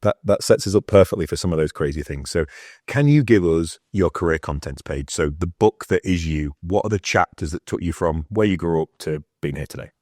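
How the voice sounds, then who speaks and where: A man's voice: sits low, fairly quick, a little mellow, no echo, studio quality. A man hosting a casual interview podcast, asking eager, chatty questions. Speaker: podcast host.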